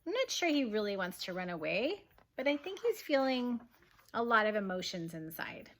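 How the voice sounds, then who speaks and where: This kindergarten teacher has a fairly high voice with big swings in pitch. She reads a picture book aloud in a gentle, expressive way, stopping to ask the young listeners questions.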